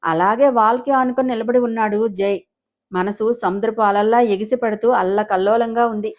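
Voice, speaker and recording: A woman's voice: fairly high pitch, fairly even intonation, a little fast, lo-fi sound. A woman storyteller reading a scripted emotional audio story in a dramatic, emotive way.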